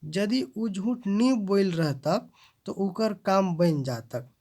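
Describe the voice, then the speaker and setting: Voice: medium pitch, animated, slow, mellow. A teacher reading and explaining example sentences. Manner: reads each example sentence aloud, then translates and explains it; addresses viewers as friends. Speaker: language teacher. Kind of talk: explaining grammar in a video lesson.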